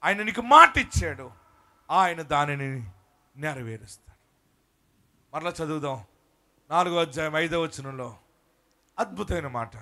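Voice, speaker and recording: A male pastor preaching and leading prayer in a live church service, fervent and building to shouts. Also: on the high side, expressive, moderate pace, pauses often.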